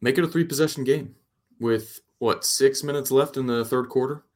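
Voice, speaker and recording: A man's voice: mid-range voice, normal speed. A man co-hosting a casual football show, giving blunt, opinionated analysis. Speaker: sports show co-host.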